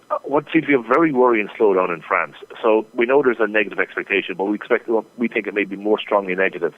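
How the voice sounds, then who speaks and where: A man giving interview answers over the phone as a market strategist, talking fast with many restarts and repeated words. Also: fairly low pitch. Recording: tinny phone line.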